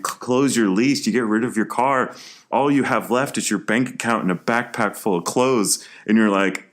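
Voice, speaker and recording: A man co-hosting a casual podcast, telling a personal story in an animated, rambling way, with restarts and some swearing. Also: lowish voice. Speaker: podcast co-host.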